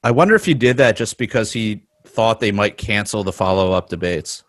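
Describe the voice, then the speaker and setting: Lively male guest, bouncy pitch, jokey. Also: fairly quick. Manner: animated, joking, profane. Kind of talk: casual chat. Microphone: remote call microphone.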